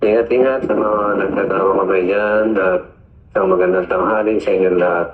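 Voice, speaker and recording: A man's voice: low voice, fairly even intonation, fairly quick. A man checking in over a two-way radio, speaking in a polite call-sign style. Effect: two-way radio transmission. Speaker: radio club member. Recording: tinny two-way radio with static.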